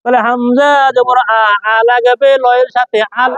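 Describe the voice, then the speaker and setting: High-voiced man drilling a reading class. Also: level tone, normal speed, a bit bright, no room sound, highs cut off. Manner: drills spelling by call and response, asks questions and answers himself. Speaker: Quran reading teacher. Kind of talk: classroom lesson.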